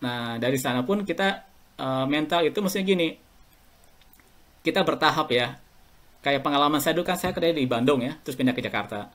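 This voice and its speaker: Guy in his middle years chatting on a podcast, keeps chuckling thru his stories, kinda high voice. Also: a little fast, pauses often, fairly bright tone. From Indonesia. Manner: chatty and anecdotal, chuckles while talking. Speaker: guest alumnus. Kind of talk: casual podcast interview.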